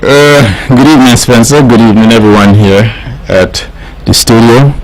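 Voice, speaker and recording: A man's voice: medium pitch, steady tone, normal speed, low-quality recording. A man speaking formally as a guest on a radio show.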